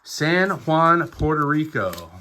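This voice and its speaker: A man's voice: fairly high pitch, very animated, takes it slowly, pushed and bright, slight background noise. A middle-aged man vlogging as a collector, narrating in a casual, upbeat show-and-tell way with chatty asides.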